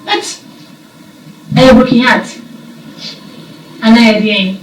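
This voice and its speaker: A woman's voice: a little high, steady tone. A woman interviewing a guest in casual chat, with a playful, teasing manner. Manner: playful, teasing, quick to laugh. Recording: roomy, from a distance, faint noise.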